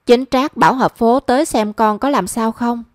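A woman's voice: on the high side, moderate pace, no room sound, clean studio sound, lightly acted. A woman reading the lines of a stern middle-aged mother who scolds and questions her son. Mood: scolding. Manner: scolding, probing.

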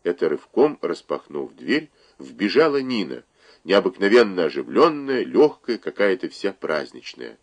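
A low-pitched male narrator reads a novel aloud with a measured, expressive delivery. His voice rises and falls widely through the sentences as he carries the prose. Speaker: audiobook narrator. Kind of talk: literary audiobook narration.

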